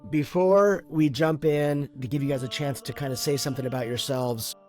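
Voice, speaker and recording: A man hosting a faith podcast, introducing guests in a measured, earnest way with some fillers. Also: fairly high pitch, dry recording. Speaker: podcast host and moderator.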